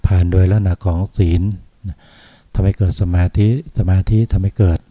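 A Buddhist monk from Thailand giving a dhamma talk, unhurried, often pausing on soft particles and repeating phrases. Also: male voice, low voice, level tone, dry recording. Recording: dull lo-fi recording.

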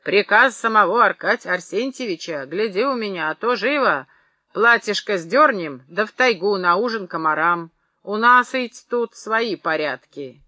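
A woman reading an audiobook, voicing a rough male overseer who threatens loudly and slowly. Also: medium pitch, expressive, no room sound. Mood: threatening.

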